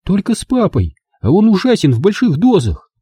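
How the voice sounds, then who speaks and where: A man voicing an excitable, indignant young woman in an audiobook, talking in high, insistent exclamations. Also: normal speed, husky, no room sound, studio quality, full character voice. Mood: sulky.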